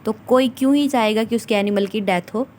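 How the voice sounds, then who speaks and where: A woman's voice: a little high, a little fast, a little mellow, slight background noise. A woman tutor giving a recorded agriculture lecture, explaining step by step with rhetorical questions and frequent check-ins with her students. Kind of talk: recorded lecture in Hindi mixed with English.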